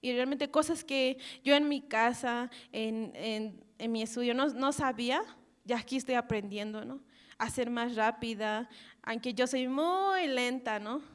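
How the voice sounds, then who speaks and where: A woman with a Bolivian Spanish accent giving a personal testimony at a church service, halting and tagging her sentences with little questions. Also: on the high side. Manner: halting, repeats "¿no?" and "así" often, laughs softly.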